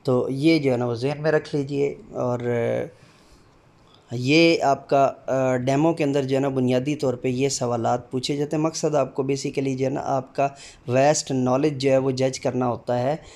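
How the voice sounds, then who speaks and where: A middle-aged male teacher explaining the Urdu alphabet, calling out each letter slowly with many fillers between explanations. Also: mid-range voice, fairly even intonation, darkish tone. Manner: drawn-out letter recitation with frequent fillers.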